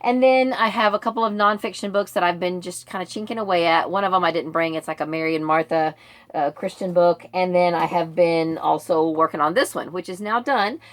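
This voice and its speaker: A middle-aged American book vlogger and book club member talks a little fast in a lowish voice. She gives viewers a casual, rambling, conversational update on her reading.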